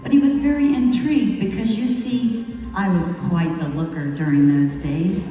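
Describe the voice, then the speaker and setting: A woman performing a first-person monologue as a wayward young biblical wife who has become remorseful, telling her story slowly and reflectively with dramatic pauses. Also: medium pitch, steady tone, lightly acted. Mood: regretful. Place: large hall at a retreat. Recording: echoey hall from far off, faint music.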